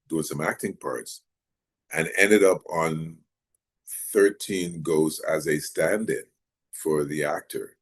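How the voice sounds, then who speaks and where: A middle-aged man from Jamaica, raised in Maryland, chatting in an interview in a relaxed, rambling way with many fillers. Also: extremely low pitch. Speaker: actor guest. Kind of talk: casual interview chat.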